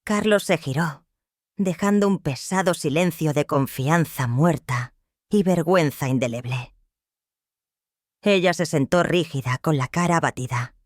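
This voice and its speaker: A text-to-speech voice narrating a melodramatic story in an even, machine-read manner. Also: mid-range voice, measured pace, no room sound, studio quality.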